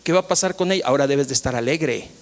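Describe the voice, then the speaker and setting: A man, preaching a sermon as pastor, swinging from loud calls to soft, low asides. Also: fast, big-room sound.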